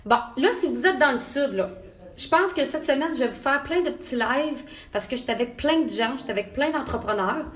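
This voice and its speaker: A Québécois woman with a slightly high voice hosts a live makeup tutorial. She is chatty and warmly greets her viewers by name. She is recording from a hotel room. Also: lively intonation, a little fast. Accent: Québécois French. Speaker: makeup artist.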